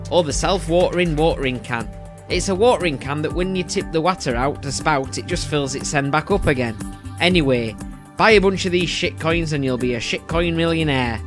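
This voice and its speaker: A Yorkshire man voicing a mock advert announcer, drawing out words in a salesy pitch. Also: close to an everyday voice. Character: male advert voiceover hawking a joke product.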